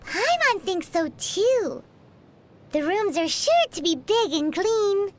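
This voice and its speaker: Paimon, a squeaky cheeky sprite. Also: female voice, sing-song, takes it slowly, full character voice. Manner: bubbly, cheeky, refers to herself by name. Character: tiny cheeky floating girl companion, chatty. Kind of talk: video game dub dialogue. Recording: game audio with music behind.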